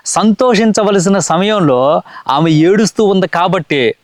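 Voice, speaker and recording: A man's voice: high voice, animated, unhurried, no echo. A man preaching a sermon in an earnest, repetitive cadence.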